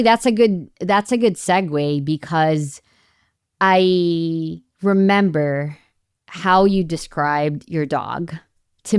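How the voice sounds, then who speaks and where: A woman hosting a podcast interview from her home studio, relaxed and asking playful quick-fire questions. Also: fairly low pitch, clean tone, dry recording. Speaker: podcast host. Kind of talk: casual interview chat.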